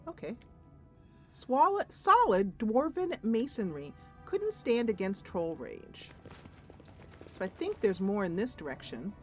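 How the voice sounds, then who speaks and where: A woman plays a fantasy roleplaying game, enthusiastically thinking aloud and dramatically narrating the story. Her medium-pitched voice swings widely in pitch and runs a little slow, with faint music behind her.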